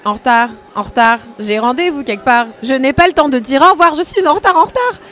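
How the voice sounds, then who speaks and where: A fretful storybook rabbit, as a woman puts it on, forever running late and fussing. The voice sits rather high and jumps higher as the panic builds. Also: a bit bright. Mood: flustered. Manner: fretful, rushed.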